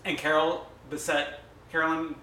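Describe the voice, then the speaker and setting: A man's voice: fairly high pitch, flat delivery, pushed and bright, roomy sound, slight background noise. A man co-hosting a podcast, chatting casually and gossiping eagerly about reality TV. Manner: gossipy, chatty, quick asides. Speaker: podcast co-host. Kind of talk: casual chat.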